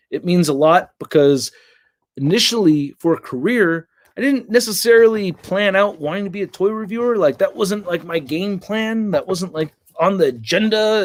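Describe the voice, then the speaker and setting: A man's voice: on the high side, no room sound, clean studio sound. A man in his late thirties hosting a casual toy livestream, tired and yawning, rambling with crude jokes and lots of fillers. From United States. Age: late 30s. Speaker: toy reviewer and livestream host.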